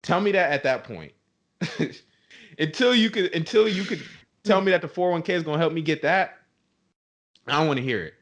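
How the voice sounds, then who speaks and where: A young man co-hosting a money podcast delivers a heated, emphatic rant. His slightly high voice jumps around a lot as he drives each point home. He leans on "bro" and rhetorical questions. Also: expressive, fairly quick, long pauses, fairly bright tone. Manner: emphatic, ranting, says "bro" often. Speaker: podcast co-host.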